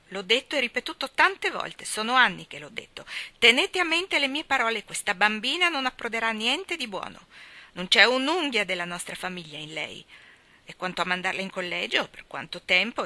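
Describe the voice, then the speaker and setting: A woman voicing a sharp, self-righteous middle-aged aunt who scolds loudly in a high voice. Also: big pitch swings, moderate pace, no room sound, full character voice. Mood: scolding. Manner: loud, high and insistent.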